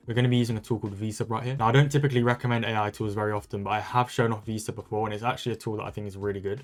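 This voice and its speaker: Rapid-fire upbeat man with a low voice. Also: a little mellow. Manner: rapid, upbeat sales-pitch delivery. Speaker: online content creator teaching social media growth. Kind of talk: screen-recorded tutorial walkthrough.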